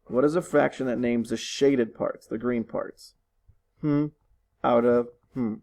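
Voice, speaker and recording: A man's voice: mid-range voice, unhurried, vocal fry, a little mellow, poor audio. A man teaching his students from his living room, walking them through test questions patiently and repeating instructions. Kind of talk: recorded online lesson walkthrough.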